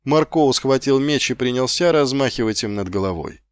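A male audiobook narrator with a mid-pitched voice that rises and falls lively through the prose. The reading is measured and expressive, with dry, close sound. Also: clean tone, dry recording. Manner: measured storytelling.

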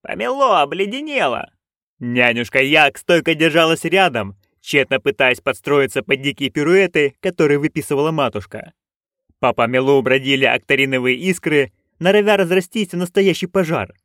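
A man reading a fantasy story aloud with expressive storytelling. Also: a little high, normal speed, no echo, studio quality. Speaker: audiobook reader. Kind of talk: scripted narration.

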